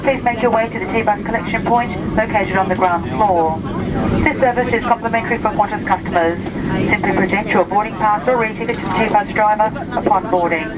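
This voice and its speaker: A woman reads a polite, scripted arrival announcement in a steady, formal way. Her voice comes through an aircraft's public address system. Heavy engine and cabin roar sits under every word. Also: a little high. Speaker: flight attendant. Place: airliner cabin. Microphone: cabin PA handset. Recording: PA over loud aircraft noise. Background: loud engine and cabin noise.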